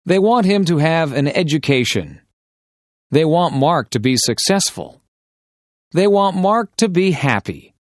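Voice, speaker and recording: Slow man dictating with lively intonation. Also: a little high, no room sound, studio quality. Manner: deliberate, dictating sentence by sentence with careful enunciation. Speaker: English dictation reader. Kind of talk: dictating simple sentences for language learners.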